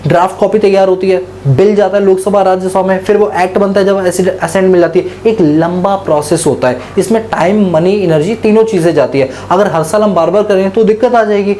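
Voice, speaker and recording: Mellow-voiced male tax lecturer. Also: high voice, fairly quick, hardly any pauses, a little hiss or hum. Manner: asks the class questions and answers them himself; mixes English terms into Hindi speech. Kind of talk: classroom lecture.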